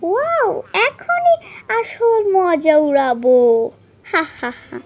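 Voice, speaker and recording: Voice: very high voice, wildly swooping pitch, slow, faint music behind, heavily acted. A performer voicing a mischievous cartoon male duck, a scheming prankster who gloats to himself and repeats his words. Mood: scheming glee. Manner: gloating, repetitive, talks to himself. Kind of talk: Bengali cartoon dub, exaggerated.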